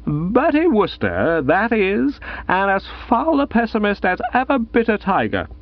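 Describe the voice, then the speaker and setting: A man voicing a tipsy, rambling upper-class young Englishman giving a loud, swooping speech in an audiobook. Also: high-pitched, wildly swooping pitch, a little slow, highs cut off, pitched above the performer's own voice, exaggerated voice. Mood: rambling oration.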